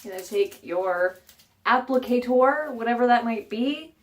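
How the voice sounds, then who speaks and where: This woman's fairly high voice has lively intonation and moves a little slowly. She's casually vlogging a how-to from her home bathroom, chatty and rambling, dropping frequent fillers and self-deprecating asides, and she sounds a touch stuffed up.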